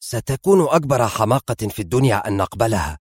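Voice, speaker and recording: A man's voice: on the low side, lively intonation, fast talker, a little mellow, slightly rough, no echo, studio quality. A man voicing a ruthless male intelligence chief who speaks sternly and fiercely.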